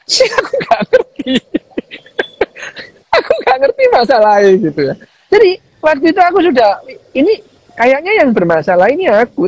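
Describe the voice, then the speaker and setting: Animated man, lively pitch. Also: no echo, low-quality recording. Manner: animated, mixing Javanese phrases, repeats "gitu". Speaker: neuroscientist guest on a live chat. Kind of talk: casual livestream chat.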